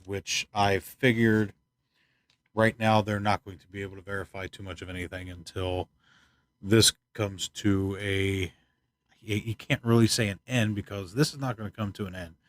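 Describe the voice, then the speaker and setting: A man from the United States giving rambling, opinionated news commentary, tired and stuffed up, clearing his throat often. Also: fairly low pitch, no echo, studio quality. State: congested, stuffed up. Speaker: channel host. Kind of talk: casual news commentary vlog.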